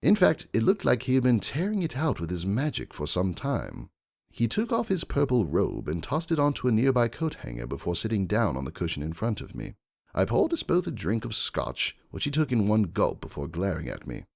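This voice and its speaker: Once more playing a shrewd, aristocratic unicorn stallion, a man narrates dramatic fantasy fan fiction in first person, and the performance is heavily acted. His very low, gravelly, creaky voice stays measured and refined yet swings with lively intonation, carrying a composed, calculating mood.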